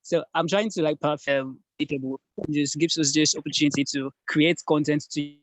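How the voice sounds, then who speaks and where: Man, hesitant, lots of ums, video call, higher voice, dry sound. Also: level tone, normal speed, dry recording, low-quality recording. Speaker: mentee presenter. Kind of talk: online meeting presentation.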